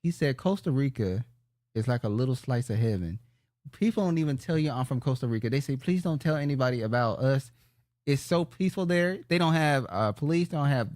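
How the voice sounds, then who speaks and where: A man's voice: mid-range voice, lively intonation, a little fast, darkish tone, no room sound. Blunt man chatting, dry sound. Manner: blunt, retells what others said. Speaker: podcast co-host. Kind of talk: casual chat.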